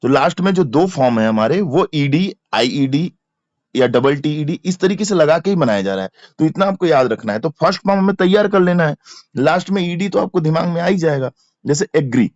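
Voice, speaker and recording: A man's voice: a little high, lively intonation, brisk, a little mellow, no room sound. Male teacher drilling English verb forms. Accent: Hindi. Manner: spells words letter by letter and repeats each form. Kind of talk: exam-prep classroom lecture. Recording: dry, slightly dull lo-fi mic.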